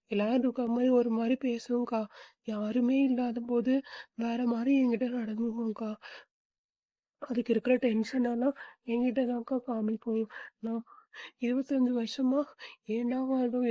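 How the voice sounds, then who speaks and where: A woman's voice: a little high, mellow, no room sound. A woman earnestly telling of her own painful past, confiding and hurt. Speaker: storyteller sharing her own life. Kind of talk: emotional personal testimony.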